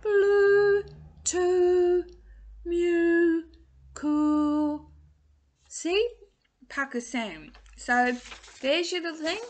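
With a very high but darkish voice, a woman in her sixties draws out her words and leaves long pauses. She teaches singing in a home video from a small room, carefully enunciating vowel words into a laptop webcam. Born in England and raised in Australia, she speaks with an Australian accent carrying a trace of English.

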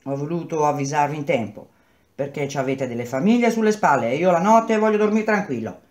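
A woman reading aloud and voicing a middle-aged male contractor who smoothly explains hard news to his workers. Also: deep voice, lively intonation, brisk, darkish tone. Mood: persuasive. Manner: persuasive, explanatory, speaks to workers as a group.

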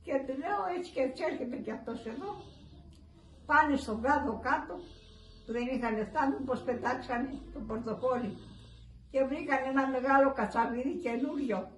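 A woman's voice: high voice, slight background noise. A woman in her eighties giving a rambling, vivid news interview at home, acting out the dialogue as she retells what happened. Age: 80s. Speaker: interviewee, burglary victim. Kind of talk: recounting events in a news interview. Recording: echoey room, distant mic, faint ambience.

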